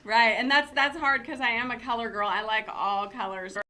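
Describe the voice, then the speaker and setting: A woman's voice: fairly high pitch, steady tone, moderate pace, bright, forceful tone, a little hiss or hum. A woman hosting a casual beauty show, chatting bubbly and laughing often with her guest. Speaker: host and salon owner. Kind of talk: casual chat about beauty products.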